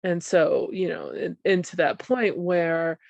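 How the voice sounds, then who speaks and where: A congested woman with a slightly low voice talks in loose, rambling runs, often stopping herself and checking in with "right?". The sound is dry and close, with no room around it. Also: fairly even intonation, slow, vocal fry, darkish tone, no echo, highs cut off. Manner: rambling, many restarts and "right?" tags. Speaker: behavioral health specialist. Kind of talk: conversational panel discussion.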